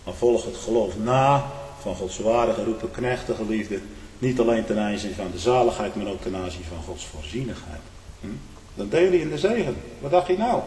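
A man preaching a fiery sermon, swinging from loud outbursts to hushed low tones and often adding a questioning "hm?". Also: expressive, moderate pace, a little hiss or hum. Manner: fervent, often adds a questioning "hm?". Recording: echoey hall with long reverb.

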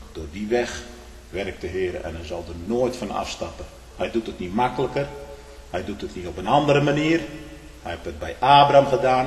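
A low-voiced male pastor preaches emphatically, his pitch rising and falling a great deal. He swings between loud declarations and hushed asides, tagging lines with a questioning "hm?". The voice rings out in a large church with a long echo. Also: slight background noise. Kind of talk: sermon. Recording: echoey church hall.

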